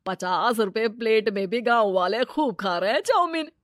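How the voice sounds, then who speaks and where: A woman's voice: on the high side, expressive, normal speed, no echo, studio quality, close to an everyday voice. Woman putting on a greedy, bossy village moneylender. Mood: smug, scheming. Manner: brusque, bossy. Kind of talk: cartoon moral story acting.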